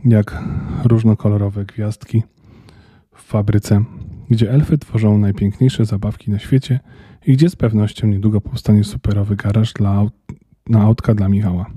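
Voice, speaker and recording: A man reading a children's story aloud, calm and even. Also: lowish voice, normal speed, husky, no echo, clean studio sound. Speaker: narrator.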